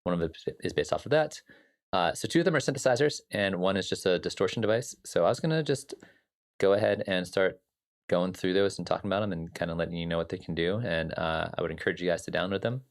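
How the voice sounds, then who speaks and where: In a quick, expressive, low-pitched voice with a slight scratch, a man hosts an easygoing music production stream. His talk meanders with lots of fillers as he welcomes viewers by name and replies to chat.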